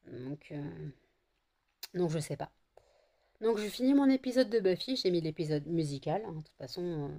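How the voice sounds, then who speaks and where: A young woman talks to her viewers in a loose, rambling vlog, full of fillers and restarts. Her voice sits a little low for a woman. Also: mellow. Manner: chatty, rambling, many fillers. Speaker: vlogger. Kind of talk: casual vlog chat.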